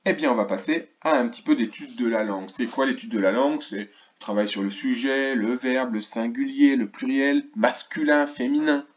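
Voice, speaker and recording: A man teaching a remote lesson to first graders, slowly and clearly sounding out words and asking the class questions. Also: medium pitch, muffled recording. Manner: slow, clearly articulated, stretches key words; asks questions of an absent class. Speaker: primary school teacher.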